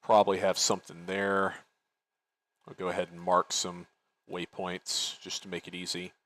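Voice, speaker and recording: A man's voice: sits low, monotone, moderate pace, a bit bright. A man leading an online military game as commander, giving tactical briefings and talking through plans casually on a headset.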